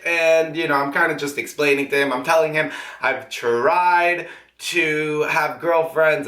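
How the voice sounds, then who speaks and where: Bright-voiced young man in an echoey room. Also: fairly high pitch. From United States. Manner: candid, chatty, acts out quotes. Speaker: vlogger. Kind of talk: personal storytelling vlog.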